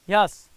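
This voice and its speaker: A young Indian man teaching reasoning in a live online class, mixing Hindi with English, coaxing and teasing students by name and slowing down to spell out each step. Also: fairly bright tone, no room sound. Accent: Indian English mixed with Hindi. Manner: coaxing and teasing, reads out student names, slows down to spell out steps. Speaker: reasoning teacher for bank exams.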